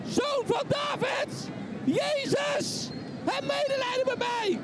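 A man voicing a blind male beggar who cries out desperately in loud pleading shouts. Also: very high-pitched, big pitch swings, unhurried, gravelly, over a noisy crowd, very noisy, voice pushed up, heavily acted. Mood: desperate shouting.

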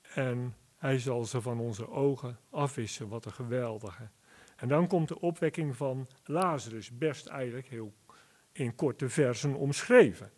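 A man preaching a sermon, explaining Bible verses deliberately and rising to emphatic calls at key words. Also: mid-range voice, a little mellow. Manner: slow, deliberate Bible exposition with emphatic rises.

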